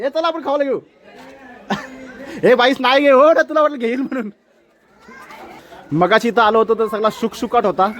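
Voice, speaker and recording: A man vlogging as he walks through a street festival, chatting, exclaiming and greeting passers-by. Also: sits high. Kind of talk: casual walking vlog commentary. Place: outdoor city street at a festival. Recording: loud street crowd behind.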